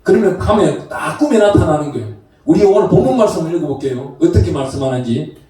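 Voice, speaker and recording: A man, a pastor, preaching a lively sermon with shouted call-and-response to his congregation. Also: fairly high pitch, fast talker. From Gyeongsang region, South Korea. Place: church sanctuary. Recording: roomy echo from far off the mic.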